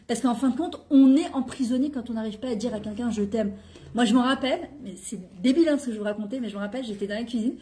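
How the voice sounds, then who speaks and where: Woman, middle-aged, high voice, chatty storytelling, does the voices of people in her stories. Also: quick pace, a little hiss or hum. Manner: lively, laughing, acts out quoted dialogue. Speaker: guest speaker on women's talk show. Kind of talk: animated personal storytelling.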